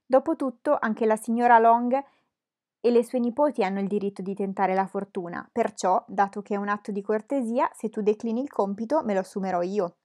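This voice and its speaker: A woman voicing a dry, ironic middle-aged gentleman who teases his family in slow, measured speech. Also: medium pitch, fairly even intonation, natural voice. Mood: wry teasing.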